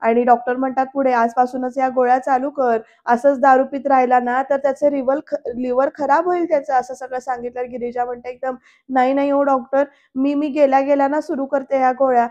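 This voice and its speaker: A woman tells what happens in a TV serial episode, voicing each character's lines in turn. Her voice sits high and stays level, with little rise and fall. The recording is dull and lo-fi. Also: little pitch movement, brisk, a little mellow. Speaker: serial recap narrator. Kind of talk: voice-over episode recap.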